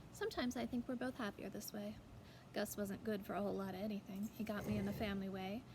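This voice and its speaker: A woman's voice: mid-range voice, natural voice. A woman reading first-person fiction as an unrepentant young rural widow, with a wry, matter-of-fact telling. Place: outdoors in a backyard. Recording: clear outdoor background noise.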